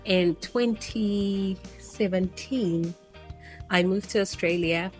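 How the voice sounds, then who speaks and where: A woman's voice: medium pitch, takes it slowly, a little mellow, faint music behind. A woman from Zimbabwe, around her thirties, chatting casually to camera as a travel vlogger, meandering with frequent ums. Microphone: new personal microphone set.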